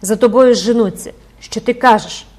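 A woman's voice: medium pitch, normal speed, darkish tone, natural voice. A woman voicing an older mother, torn between tearful joy and terror, who cries out prayers to God. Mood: frantic. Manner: emotional, exclaiming prayers. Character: older grieving mother, frantic and overjoyed.

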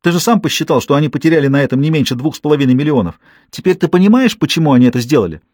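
A man's voice: fairly high pitch, expressive, racing, no room sound, studio quality, voice pushed up. Man voicing a fiery furious woman. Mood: pleading. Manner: shouting, sharp and cutting. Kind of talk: audiobook character voice.

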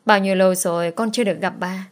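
A woman's voice: medium pitch, fairly even intonation, racing, close to an everyday voice. Woman voicing a pleading little girl. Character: young girl, sad, pleading and clingy.

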